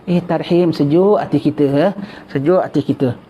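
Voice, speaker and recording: In this dull, lo-fi recording with faint background noise, an older Singaporean man gives a kitab study lecture at a normal speed. His voice sits on the high side, and his folksy, conversational religious teaching is sprinkled with Javanese and Arabic phrases.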